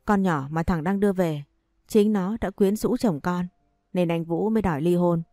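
A woman's voice: fairly low pitch, normal speed, warm tone, no room sound, clean studio sound, natural voice. A woman reading a clinging, bitter young wife. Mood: pleading, bitter. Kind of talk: audio story reading.

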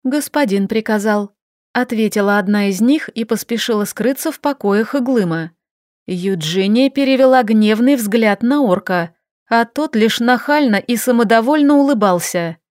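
A woman reading a romantic fantasy audiobook as narrator, in even, wry storytelling. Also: on the high side, moderate pace, no room sound, studio quality. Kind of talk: scripted narration.

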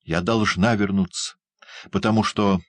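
A young fallen woman, torn and imploring, speaks with passion in a storybook reading, voiced by a man. The voice sits very low and deep, close and dry with no room around it. She begs and insists with heavy feeling. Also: fairly even intonation, a little slow, no room sound. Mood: pleading. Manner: emotional, imploring. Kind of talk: audiobook character reading.

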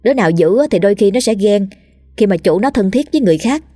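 A woman's voice: mid-range voice, fast, no echo, clean studio sound, soft background music, pitched above the performer's own voice, natural voice. A woman voicing a blunt, matter-of-fact female doll seller in a spoken ghost story. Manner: blunt, flat-toned. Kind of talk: storytelling role voice.

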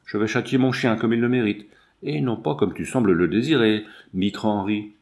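A man's voice: lowish voice, normal speed, natural voice. A man voicing a cruel, haughty young bully. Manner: haughty, threatening, shouts commands. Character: cruel arrogant young man, elder brother.

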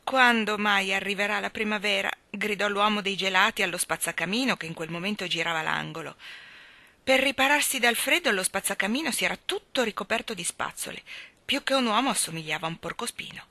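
A woman reading a children's novel aloud in an expressive storytelling manner. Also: mid-range voice, fairly quick, no room sound. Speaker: reader. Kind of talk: audiobook reading.

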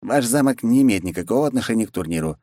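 A man's voice: on the low side, expressive, racing, dark tone, no room sound, studio quality, voice pushed up. Male narrator voicing a formal official in a storybook, stiff and correct. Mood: stern formal. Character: stern formal male tournament manager.

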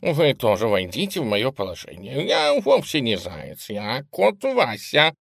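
A man's voice: mid-range voice, wildly swooping pitch, measured pace, vocal fry, fairly bright tone, breathy edge, dry recording, studio quality, pitched above the performer's own voice, exaggerated voice. A man voicing a timid young man who thinks he is a cat, stammering and pleading.

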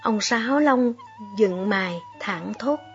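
A woman reading a story aloud in calm, measured narration. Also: medium pitch. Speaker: audiobook reader. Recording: slightly dull recording, soft music behind.

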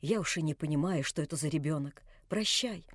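A woman's voice: brisk, no echo, studio quality. Woman doing a grieving old man. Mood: crushed. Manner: low, hushed, sorrowful. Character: grieving, weary old man, quiet and heavy.

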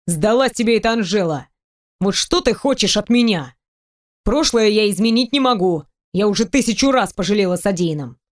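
A woman voicing a confident, seductive grown man who talks in a low, velvety, coaxing way in an audiobook. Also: lively intonation, moderate pace, lightly acted. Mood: exasperated. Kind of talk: audiobook reading.

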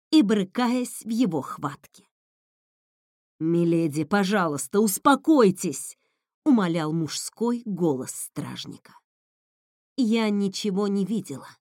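A woman reading a first-person audiobook in a slow, expressive, dramatic manner. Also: on the high side, dry recording, clean studio sound. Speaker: audiobook narrator.

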